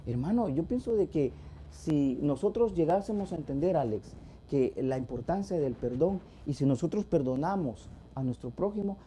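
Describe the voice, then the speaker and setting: On a church TV program, a male co-host earnestly retells a Bible parable as part of a devotional talk, acting out the quotes with emphasis. His voice is a little high and warm, with lively intonation and a moderate pace. Slight background noise can be heard.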